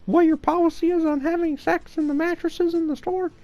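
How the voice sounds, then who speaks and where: A squeaky goofy prank caller. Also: male voice, fairly even intonation, brisk, dark tone, poor audio. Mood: mock-polite. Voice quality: very high, squeaky. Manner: mock-polite, absurd.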